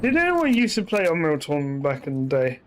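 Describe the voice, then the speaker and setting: A man's voice: a little high, huge pitch swings, quick pace, fairly bright tone. A man giving casual, rambling commentary while streaming a shooter game, often correcting himself mid-sentence. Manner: chatty, rambling, self-correcting asides.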